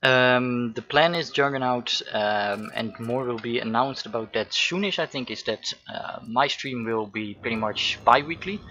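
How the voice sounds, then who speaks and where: Streaming from home while playing, a game developer from the Netherlands with a Dutch accent fields chat questions casually, slipping them in between comments on the game. His mid-range voice is pushed and bright, measured in pace with hardly any pauses, over slight background noise.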